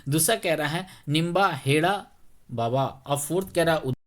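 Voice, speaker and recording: A male teacher, a little under the weather, talking slowly through exam questions in a conversational way and often checking whether students follow. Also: fairly high pitch. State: slightly unwell, speaking slowly.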